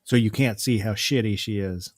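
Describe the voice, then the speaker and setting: A man's voice: on the low side, moderate pace, dry recording, clean studio sound. A man co-hosting a show, giving casual film commentary. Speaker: co-host.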